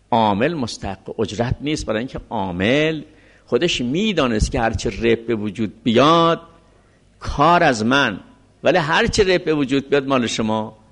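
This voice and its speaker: A male seminary teacher gives a lecture with a lively, rising and falling pitch, reading out lines of text and then explaining them step by step. He sounds middle-aged, with a voice of middle height.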